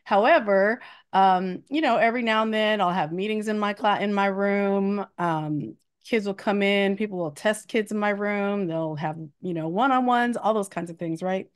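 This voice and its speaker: A woman's voice: medium pitch, moderate pace, clean tone. A woman educator co-hosting a casual podcast chat, telling stories with frequent laughs while getting over an illness. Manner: chatty storyteller, laughs often. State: recovering from illness. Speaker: math educator, co-host.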